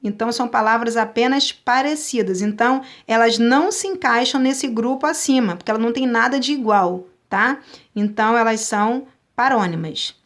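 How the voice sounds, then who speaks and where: Woman teacher, brazilian portuguese accent, fairly high voice, step-by-step explaining, keeps checking in with students. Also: moderate pace. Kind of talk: recorded online grammar lesson.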